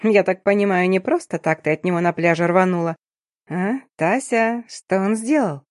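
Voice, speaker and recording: A young woman friend, half frightened and half teasing, who keeps her voice low and conspiratorial, as a female reader puts her on. Her whispering is soft and secretive, with a sly playful edge. The sound is close and dry, with no room around it. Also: normal speed, no echo, lightly acted.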